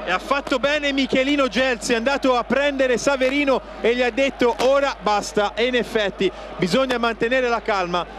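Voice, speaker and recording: Very high-pitched male football commentator, noisy stadium. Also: moderate pace, few pauses, fairly bright tone. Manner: clipped phrases, calling out players' names. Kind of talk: live match commentary. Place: outdoor football stadium stand. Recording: noisy outdoor stadium TV broadcast.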